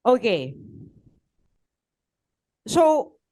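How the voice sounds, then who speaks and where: A woman's voice: fairly high pitch, very animated, extremely slow, dark tone, dry recording, low-quality recording. Sarcastic Filipino woman, dry close sound. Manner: sarcastic, switches between English and Tagalog, many "no?" tags. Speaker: political commentator giving a lecture. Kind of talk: informal lecture reading and mocking quotes.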